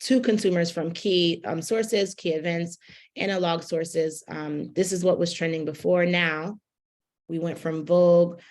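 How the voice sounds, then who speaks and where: A woman's voice: fairly low pitch, fairly even intonation, a little slow, darkish tone. A woman giving a casual workshop lecture on fashion business, talking loosely with many fillers and asking "right?" as she goes.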